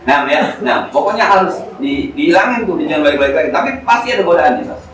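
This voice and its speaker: A man's voice: a little high, animated, fast talker. A man giving a casual, joking Islamic study lecture in a mosque. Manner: casual, joking, slangy teaching. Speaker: Islamic teacher. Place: mosque hall. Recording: echoey hall, distant mic, faint noise.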